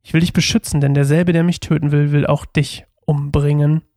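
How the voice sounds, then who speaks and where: A man voicing a gentle, self-controlled young leader in a scripture reading, speaking slowly, gravely and reassuringly. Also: a little high, little pitch movement, no echo, clean studio sound, close to an everyday voice.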